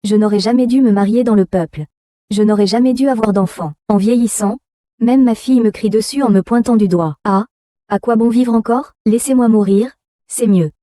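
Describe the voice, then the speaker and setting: Mère âgée qui se lamente et gronde sans cesse, doublée par une femme, voix sombre. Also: female voice, a little high, normal speed, warm tone, no room sound, clean studio sound, natural voice. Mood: wailing. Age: older. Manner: wailing and scolding. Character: shrill older mother, greedy, melodramatic. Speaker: mother. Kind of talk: dubbed drama.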